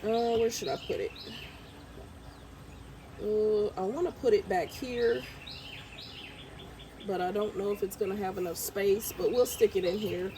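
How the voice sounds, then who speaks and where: A woman's voice: mid-range voice, steady tone, measured pace, pauses often, warm tone, a little hiss or hum. A congested woman vlogging as she plants her garden outdoors, chatty and thinking aloud while she works. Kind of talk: casual vlog narration while gardening. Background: birds and outdoor ambience.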